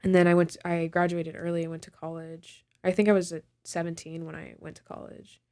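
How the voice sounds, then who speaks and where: A young woman from California chats as a podcast guest with a low, gravelly voice full of vocal fry. She laughs often and keeps dropping "like" into her sentences, loose and easygoing. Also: level tone, a little fast, darkish tone. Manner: laughs often, lots of "like" fillers. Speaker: guest, singer and actress. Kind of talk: casual podcast chat.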